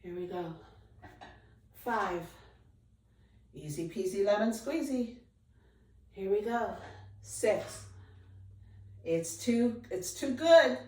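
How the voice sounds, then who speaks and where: Woman aerobics instructor, slow counts n short encouraging cues, echoey room, mic kinda far away. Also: medium pitch, a little mellow. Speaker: fitness instructor leading a chair workout. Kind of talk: aerobics instruction, counting reps and cueing form. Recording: roomy echo, distant microphone.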